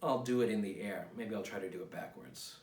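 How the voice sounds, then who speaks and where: Fairly quick and darkish in tone, this man's lowish voice belongs to an American writer in his thirties casually showing off his own work. He rambles wryly and self-deprecatingly in a vlog with poem readings, recorded in a small home office on a camera mic a few feet away, with roomy echo and clear noise.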